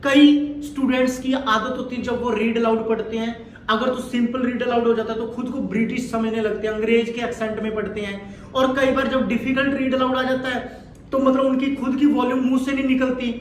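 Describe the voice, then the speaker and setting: High-voiced man coaching in an echoey room. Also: flat delivery, a little fast, slight background noise. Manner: direct, instructive, repeats points. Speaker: exam coach. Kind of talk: instructional video lesson. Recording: echoey room with faint ambience.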